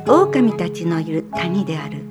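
A woman narrating a children's storybook in a calm, measured way. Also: lowish voice, music in the background.

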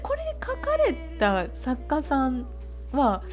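A woman's voice: high voice, huge pitch swings, slow, faint music behind. A woman radio host chatting with a guest in a bubbly, laughing way. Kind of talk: casual interview.

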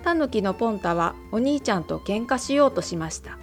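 A woman with a Kansai accent, reading a children's picture book aloud in a gentle, even storytelling manner. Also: mid-range voice, fairly quick, faint music behind. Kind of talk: storybook narration.

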